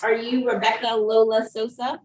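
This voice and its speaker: A woman's voice: fairly high pitch, level tone, normal speed, noisy background. A woman presiding as a judge, formally putting procedural questions in a polite, formulaic way. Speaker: judge presiding over court. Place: remote court hearing, indoor room. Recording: echoey room sound.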